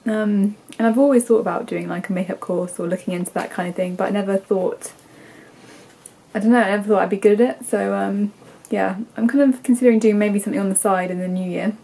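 With a stuffy nose, a young English vlogger in her twenties chats casually in her bedroom, the camera held at arm's length, rambling with lots of ums and likes. She talks at a quick pace, her mid-range, steady voice dark with vocal fry and a breathy edge.

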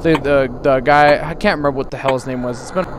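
A man's voice: medium pitch, steady tone, fast, noisy background. A young man streaming a horror game, reacting in a scared, joking way, jumpy, pleading and rambling crudely. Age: young adult. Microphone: headset. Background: loud game music.

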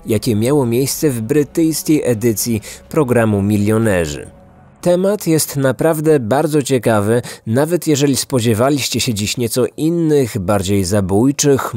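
Over a music bed, a Polish man in his thirties narrates a scripted story as the host of a true crime podcast. His voice is mid-range with a dark tone.

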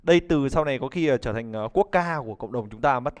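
A man's voice: medium pitch, animated, fast. A man, teaching a live online pronunciation class in a chatty, joking way and calling on students to answer. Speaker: English teacher.

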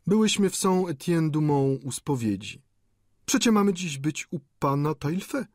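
A man's voice: on the high side, animated, moderate pace, no echo, studio quality, pitched above the performer's own voice. A man voicing an anxious, pious middle-aged woman in an audiobook, in a raised voice. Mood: earnest.

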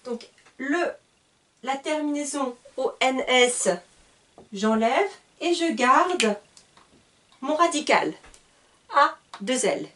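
A woman's voice: high voice, expressive, slow, long pauses, pushed and bright, slight background noise. A woman teaching a French grammar lesson at a whiteboard. She spells out word endings letter by letter and corrects herself patiently as she goes. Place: classroom at a whiteboard. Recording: voice a little far from the mic.

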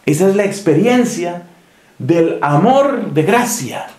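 Un hombre de Colombia, con acento colombiano, que predica en un retiro espiritual con tono conversador y humorístico, dramatizando escenas. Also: male voice, high voice, animated, slow, a little mellow. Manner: conversational, humorous, acts out scenes. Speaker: preacher leading a retreat. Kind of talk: retreat sermon. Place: monastery, indoors. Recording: echoey room.

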